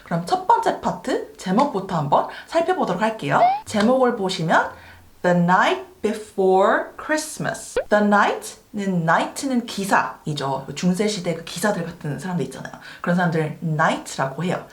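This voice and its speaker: A woman explaining an English lesson as a video host, saying English words and phrases slowly and clearly. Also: medium pitch, sing-song, slight background noise. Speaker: English teaching YouTuber. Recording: roomy echo.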